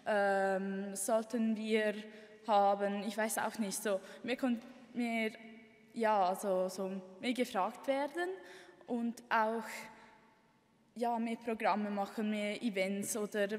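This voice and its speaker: A woman's voice: medium pitch, steady tone, takes it slowly. Hesitant teenage girl from Italy. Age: teens. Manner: hesitant, apologetic, many fillers. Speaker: youth camp participant. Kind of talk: unscripted speech on stage. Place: conference hall. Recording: hall reverb.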